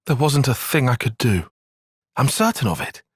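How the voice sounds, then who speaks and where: A distressed young male soldier tactician voices a game cutscene, earnest and formal with a husky edge and wide-ranging, expressive pitch. Analytical by nature, he keeps a precise, measured phrasing, and the studio recording is dry.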